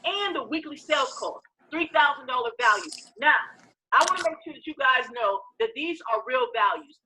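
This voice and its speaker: A woman giving a live sales training pitch as presenter, emphatic and repetitive, checking in with listeners with short questions. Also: lively intonation, moderate pace, pushed and bright, slight background noise, rough recording.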